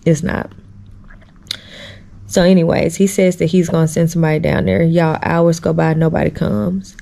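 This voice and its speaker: Gravelly low-voiced woman telling a story. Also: moderate pace. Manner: animated, exasperated storytelling with slangy asides to viewers. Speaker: vlogger. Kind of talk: casual storytime vlog.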